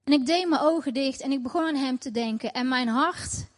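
Woman, high-pitched, earnest emotional faith testimony, echoey hall with long reverb. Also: brisk. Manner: earnest, emotional storytelling with repeated phrases. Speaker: testimony speaker.

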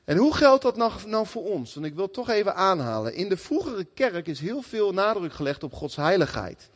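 A man preaching a sermon in a lively, conversational way, often acting out the people he quotes. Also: high-pitched, normal speed, long reverb tail.

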